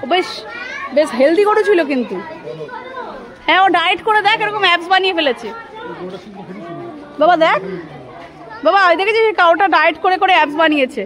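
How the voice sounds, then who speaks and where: A woman's voice: very high-pitched, expressive, fairly quick, pauses often, a bit bright. A woman vlogging as a mother at an outdoor cowshed, coaxing and warning her child and repeating words over and over. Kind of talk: casual vlog narration and talking to a child. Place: outdoor cowshed with people around. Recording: busy outdoor crowd noise.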